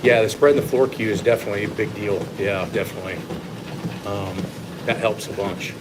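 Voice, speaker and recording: A man who coaches fitness, talking casually to livestream viewers in a measured, opinionated way while walking on an incline treadmill. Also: lowish voice. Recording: loud steady treadmill machine noise. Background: treadmill running noise.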